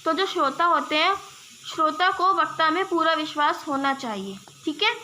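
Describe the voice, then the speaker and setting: A woman's voice: high-pitched, animated, moderate pace, sharp tone, a little hiss or hum. A young woman teaching an exam-prep lesson, explaining step by step and checking in with her viewers as friends. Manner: addresses viewers as "friends", gives examples.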